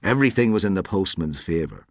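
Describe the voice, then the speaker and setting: A man narrates a story with a low voice that rises and falls a lot. He reads in a measured, expressive way, and the recording is dry and close, with no room sound. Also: no echo. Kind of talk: scripted story reading.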